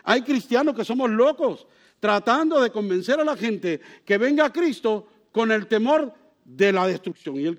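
Male preacher, high register, dramatic storyteller who bursts into exclamations. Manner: animated storytelling with sudden exclamations; asks the congregation questions. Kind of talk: sermon.

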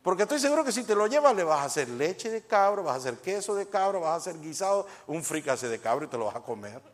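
A man's voice: on the high side, sing-song, fast. Joking, conversational male pastor. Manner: humorous and conversational, often asking the congregation "right?". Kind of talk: preaching a sermon.

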